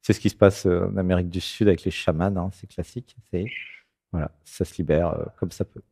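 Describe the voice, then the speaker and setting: A man's voice: sits low, fast talker, vocal fry, slightly rough. A man hosting a spiritual talk show and guiding a caller, checking in often as he speaks. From France. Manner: animated, keeps checking in with "tu vois".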